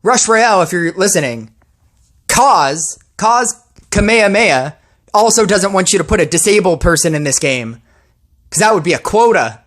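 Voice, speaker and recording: A woman's voice: on the low side, expressive, moderate pace. A woman posting a ranting commentary video about a mobile game, sarcastic and exasperated.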